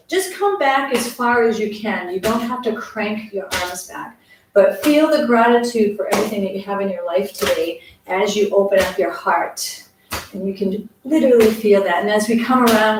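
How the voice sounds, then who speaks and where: A woman with a Maine accent talks a group through exercises in a chatty, easygoing style. Her voice sits at a medium pitch and comes from a distance in a very reverberant space, with faint noise behind it. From Maine, USA. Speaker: morning workout instructor. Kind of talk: casual exercise class instruction.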